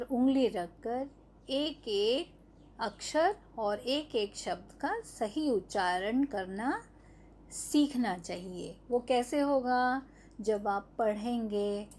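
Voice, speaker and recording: Slow, patient woman teacher. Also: a little high, a little hiss or hum. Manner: slow, drawn-out syllables, asks and answers her own questions. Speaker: primary school teacher. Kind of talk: online Hindi lesson for young children.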